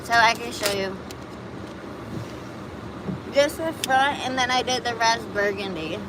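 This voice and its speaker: Her voice is on the high side and her pace measured as this Buffalo, New York woman streams amid traffic. Hosting a casual live chat, she rambles chattily, reacting to comments and answering viewers.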